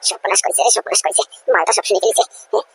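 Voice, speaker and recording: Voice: high voice, expressive, racing, no room sound. A performer voicing a greedy middle-aged aunt in a cartoon comedy, stammering and talking her way out of a lie. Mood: blustering. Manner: stammering, nervous, then bragging.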